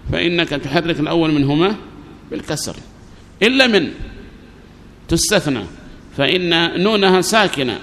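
A man's voice: fairly high pitch, fairly bright tone. A man teaching a grammar class, who repeats key phrases and quizzes his students. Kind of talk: classroom lesson. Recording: long reverb, faint background noise.

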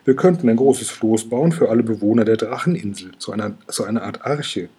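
A man voicing a rambling, hesitant old grandpa dragon in a storybook reading, with a very husky voice. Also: on the low side, moderate pace, mellow. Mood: puzzled.

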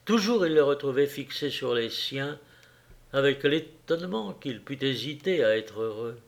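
A man reading a classic novel aloud in a measured, solemn manner with long pauses. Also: mid-range voice, animated, creaky. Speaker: audiobook reader. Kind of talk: literary narration.

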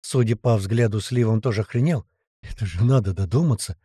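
A man narrating an audiobook in the first person, in an expressive, colloquial storytelling manner. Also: fairly low pitch, a little fast, breathy edge, dry recording, clean studio sound.

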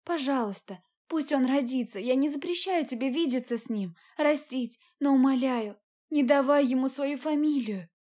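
A woman's voice: sits high, moderate pace, darkish tone, voice pushed up, natural voice. A woman voicing Katya, a frightened, tearful young woman who speaks in a strained, pleading way in an audiobook.

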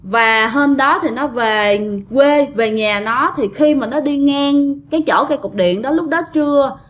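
A woman's voice: sits high, a little slow. A woman with a Southern Vietnamese accent, casually retelling a ghost story and chatting directly to her listeners.

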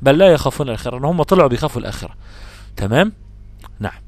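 A male teacher with an Egyptian accent explains a recitation rule step by step, going back over his examples to make sure his students follow. Now and then he slows right down to chant a verse. The recording is dry and close, with no room sound behind him. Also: medium pitch, lively intonation, no echo. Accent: Egyptian Arabic. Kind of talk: explanatory lesson.

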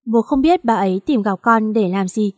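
A woman voicing a gentle, worried older father in an audio story, speaking with concern. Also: medium pitch, animated, moderate pace, no echo, studio quality, lightly acted.

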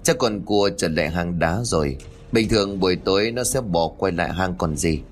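A man's voice: sits low, moderate pace, a little hiss or hum, lightly acted. A man voicing a shrewd old grandmother who mutters her thoughts to herself. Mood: matter-of-fact.

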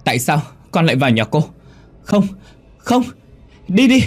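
A panicked young woman, played by a male narrator in a spoken horror story, shrieking high and loud. Her voice is frantic and strained, and she stammers in fear. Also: big pitch swings, normal speed. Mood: terrified shouting. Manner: frantic, shouting. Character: terrified young woman, shouting at ghosts.

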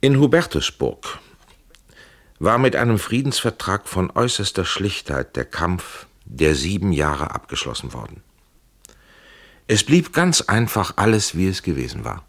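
A man narrating a historical audiobook in a measured, calm way. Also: low voice.

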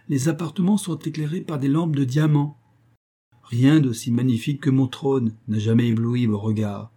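Man reading as a coaxing, boastful underworld king in a storybook, raised voice, mellow and husky tone. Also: mid-range voice, voice pushed up, close to an everyday voice. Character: smooth, possessive male king of the underworld.

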